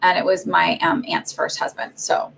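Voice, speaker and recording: A woman's voice: on the low side, level tone, moderate pace, creaky, a bit bright, low-quality recording. A woman doing a live-streamed psychic reading, chatting casually and meandering with many fillers. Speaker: psychic reader.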